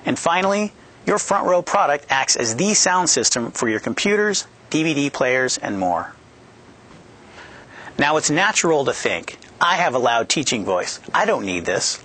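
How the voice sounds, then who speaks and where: A man in his thirties, a product manager, gives a scripted, upbeat training presentation on a studio set with a yellow backdrop, talking into a headset boom mic. His voice sits on the high side with big pitch swings, a moderate pace, and a bright, forceful tone. He's upbeat and jokey while clearly explaining steps.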